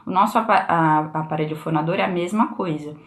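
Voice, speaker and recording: A woman's voice: fairly low pitch, brisk. A woman from Brazil giving a casual live lesson on English pronunciation, explaining in a chatty way with frequent question tags, recorded on a phone indoors. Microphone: phone camera on a live stream.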